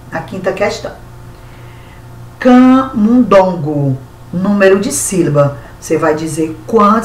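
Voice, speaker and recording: Slow, patient woman teaching small children. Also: fairly low pitch, roomy sound, recorded from a distance, a little hiss or hum, low-quality recording. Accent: Brazilian Portuguese. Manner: slow, patient, drawn-out syllables for kids. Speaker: schoolteacher. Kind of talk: recorded remote class for young children.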